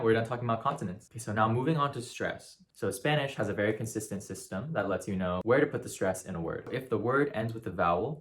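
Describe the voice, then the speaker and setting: A young man with a fairly low voice gives a friendly pronunciation lesson. He explains each rule plainly, then says the example words slowly and repeats them so the listener can copy. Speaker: language teacher.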